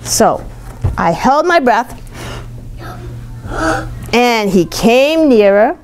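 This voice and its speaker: A woman with a slightly high voice and drawn-out words reads a picture book aloud to a young child. She reads expressively and animatedly, using simple child-directed phrasing, often repeating things and asking questions, with simple explanations along the way.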